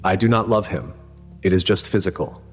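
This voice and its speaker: A man's voice: low voice, brisk, long reverb tail, soft background music, natural voice. Defensive, stammering middle-aged wife, done by a male narrator in a raised voice. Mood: pleading.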